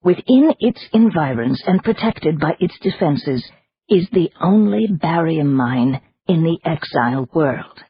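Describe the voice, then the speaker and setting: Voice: medium pitch, lively intonation, measured pace, a little hiss or hum. A narrator voicing a scheming elderly woman leader who speaks formally and precisely, in an audiobook. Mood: explaining. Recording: dull lo-fi audiobook recording.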